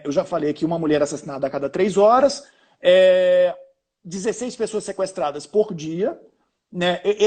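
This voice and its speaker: A man's voice: high voice, a little mellow. A Brazilian man with a Brazilian Portuguese accent, a journalist guest chatting over a video call, telling stories with many restarts and fillers. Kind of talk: casual interview chat.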